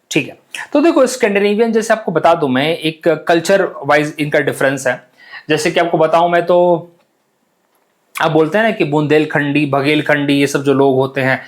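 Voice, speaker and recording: A young man talks through a map lesson for exam students in a relaxed, chatty way. He repeats himself, asks his listeners questions and drops English words into his talk. His voice sits a little high for a man. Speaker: exam coaching teacher.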